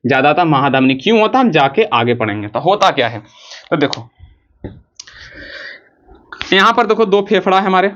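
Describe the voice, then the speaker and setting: A man with a slightly high voice and big pitch swings teaches biology, sketching on the board as he covers the heart and blood flow. He talks at a normal speed with frequent pauses and a fairly bright tone, posing questions to the class, answering them, and repeating key terms. The audio sounds dull.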